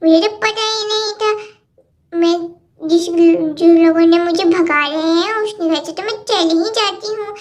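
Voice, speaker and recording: A woman's voice: extremely high pitch, moderate pace, soft background music, voice pushed down. A woman voicing a cheeky little girl doll who teases her friend, then pleads to keep playing. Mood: stubborn. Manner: teasing, pleading.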